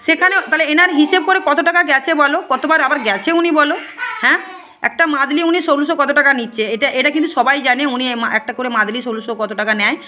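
A woman's voice: high-pitched, quick pace, sharp tone. A woman spiritual healer, earnestly addressing devotees and viewers and repeating herself often. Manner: earnest, repetitive, often asks "ঠিক আছে?".

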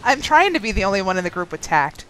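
A woman's voice: medium pitch, very animated, fast, a crowd in the background, low-quality recording. A woman gaming with friends and chatting casually, often protesting and squeamish about crude jokes. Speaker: gamer playing with friends. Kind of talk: casual gameplay banter.

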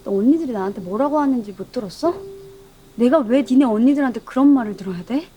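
An actress playing a frustrated young woman, a college senior, arguing with her younger boyfriend in a web drama; she speaks in a sharp, accusing way. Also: fairly high pitch, expressive, quick pace, faint music behind, lightly acted. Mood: angry, hurt. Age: young adult.

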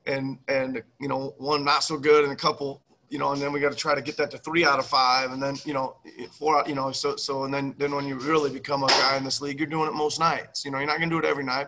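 A middle-aged basketball head coach takes questions at a post-game press conference over a video call, speaking from a small room in front of a team backdrop through a webcam. He rambles, repeats words, and restarts his sentences. His medium-pitched voice is bright and forceful, and the recording is rough.

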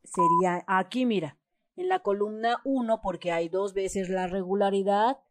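A woman with a Mexican Spanish accent teaches a schoolbook exercise step by step, patiently emphasizing syllables as she reads sample words. She speaks at a moderate pace in a steady, medium-pitched voice, with no echo.

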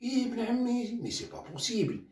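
Ranting hotly with French phrases sprinkled in, this Algerian Arabic-accented journalist from Khenchela speaks in a very high, sing-song voice at a quick pace. The microphone sits at a distance, so the room echoes around him.

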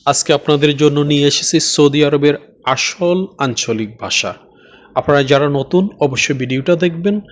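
A man from Bangladesh teaching a spoken language lesson, repeating each phrase slowly and often asking his listeners if they follow. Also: fairly high pitch. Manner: slow repetition of phrases, checking in often.

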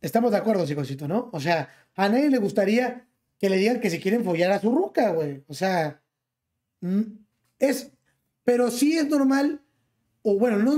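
A young man with a Mexican accent and a high-sitting, dark-toned voice streams from his small bedroom through a gaming headset. He rants as he reacts to clips, piling slang onto every phrase.

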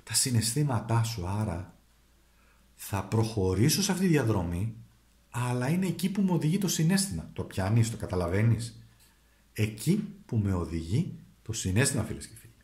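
A man doing a casual tarot reading, talking straight to his viewers with coaxing asides. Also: lowish voice. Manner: animated, addresses viewers directly with coaxing asides. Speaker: tarot reader. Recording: echoey room.

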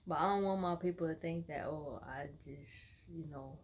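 Chatting to her followers at home, this vlogger in her thirties from Dallas, Texas keeps things relaxed, full of slang and meandering. She has a deep voice at normal speed, and a little hiss or hum is audible.

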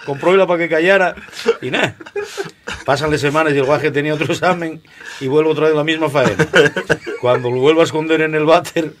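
A man's voice: on the high side, fairly quick, slight background noise. A man with an Asturian accent telling a joke in colloquial storytelling style with regional words. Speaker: joke teller.

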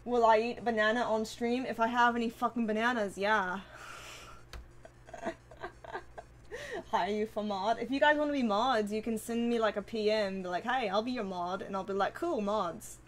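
A woman's voice: a little high, steady tone, moderate pace, slight background noise. Bubbly streamer woman chatting with viewers. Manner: bubbly, swears freely, laughs often. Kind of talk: casual live-stream chat, reading viewer comments.

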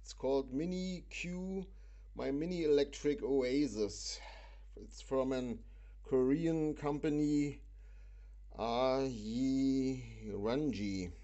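A man hosting a casual product demo at home, talking with many pauses and fillers. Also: mid-range voice, dark tone, lo-fi sound. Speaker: video host. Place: indoors at a home stove.

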